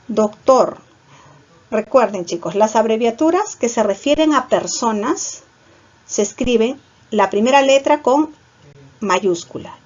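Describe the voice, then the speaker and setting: In an online class lecture, a woman explains each point step by step and checks in with her students. Her voice is on the high side and a little mellow, captured in a dull, lo-fi recording.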